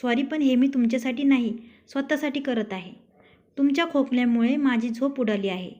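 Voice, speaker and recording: Woman narrator doing sharp-tongued young wife, curt, scolding, storybook, dull lo-fi audio. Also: high-pitched, moderate pace, close to an everyday voice. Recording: dull lo-fi recording.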